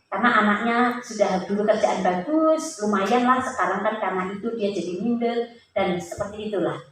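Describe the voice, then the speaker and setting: A woman's voice: medium pitch, a little fast, distant mic. Woman preaching in an echoey hall. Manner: earnest storytelling with questions put to the listeners. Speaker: church speaker giving a testimony. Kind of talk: sermon testimony to a congregation. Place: church hall. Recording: very echoey hall, voice off-mic, faint hiss.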